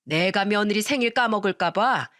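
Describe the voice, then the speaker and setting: A woman's voice: medium pitch, expressive, normal speed, fairly bright tone, no echo, studio quality, close to an everyday voice. A woman voicing a pushy, scheming middle-aged mother-in-law in a narrated radio story, demanding and accusing. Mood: coaxing.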